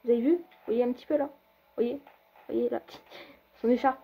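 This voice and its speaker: A woman's voice: fairly high pitch, fairly even intonation, moderate pace, breathy edge, narrow, tinny audio, faint music behind. A young woman rambling through a casual gameplay commentary, talking straight to her viewers with lots of fillers and hesitations. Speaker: gaming video creator.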